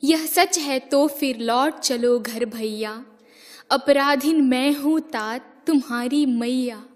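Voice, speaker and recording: A remorseful queen mother pleading before the court, voiced by a woman reciting verse. Her high voice moves slowly and deliberately through each line. A long hall reverb trails every phrase. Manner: impassioned, measured verse recitation.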